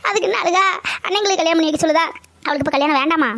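A woman's voice: very high-pitched, very fast, fairly bright tone, slight background noise. Woman voicing a nagging village mother. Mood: puzzled.

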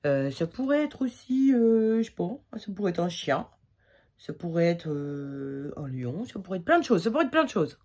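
A woman's voice: lowish voice, big pitch swings, normal speed, darkish tone. A woman giving a casual weekly tarot reading, chatty and rambling with many fillers, her throat slightly irritated. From France. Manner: jokey, laughs at her own slips. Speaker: tarot reader.

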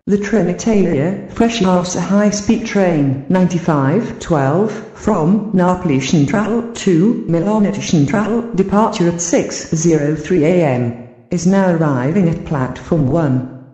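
A woman reading formal train station announcements in a calm, measured delivery. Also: lowish voice, roomy sound, highs cut off.

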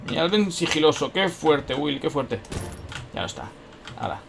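A young man from Spain with a Spanish accent, commenting on his own gameplay and talking to himself, excitable and swearing often. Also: fairly high pitch, normal speed, gravelly, a little hiss or hum. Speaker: gaming YouTuber.

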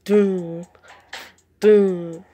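A woman's voice: lowish voice, steady tone, drawn-out words, mellow, slight background noise. A young woman hosting a casual reaction video, exclamatory and often breaking into laughter.

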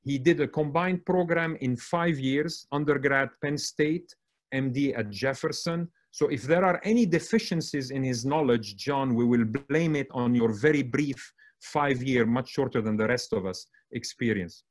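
A man's voice: medium pitch, moderate pace. A man from Lebanon moderating a medical webinar, introducing panelists and speakers in an admiring tone with frequent fillers and restarts. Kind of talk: formal introductions at an online conference.

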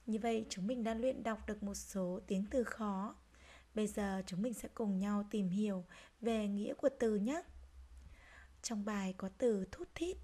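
A woman teacher giving a reading lesson to young children, speaking gently and pronouncing each word clearly. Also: mid-range voice. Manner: gentle, slow, clearly articulated. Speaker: primary school teacher.

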